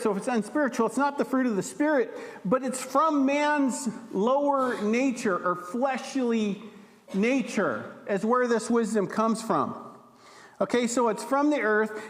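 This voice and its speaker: A man preaching a sermon as pastor in a church, teaching in a conversational way and often checking in with the congregation. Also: very high-pitched. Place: church sanctuary. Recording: reverberant church hall.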